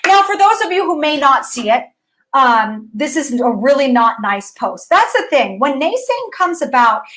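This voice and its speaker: Animated woman teaching an online course. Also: sits high, moderate pace, poor audio. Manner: animated, talks straight to viewers, many restarts; reads messages aloud. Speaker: dance physical therapist and course instructor. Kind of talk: casual online course lesson.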